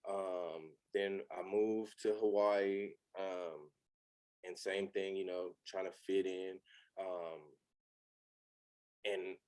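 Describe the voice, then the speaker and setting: Guest: man in his thirties, lowish voice, loose and candid, full of fillers. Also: flat delivery, takes it slowly, long pauses, darkish tone. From Los Angeles. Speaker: podcast guest. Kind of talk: casual chat.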